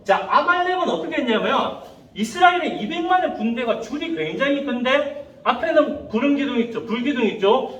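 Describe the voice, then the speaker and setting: A man preaches to young listeners in a high, lively voice. He tells stories and acts out the voices of the people in them. He sounds a little distant, and his voice rings through a reverberant church hall. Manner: animated storytelling, acting out quoted voices. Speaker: pastor. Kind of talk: sermon to youth. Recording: echoey room, voice from a distance.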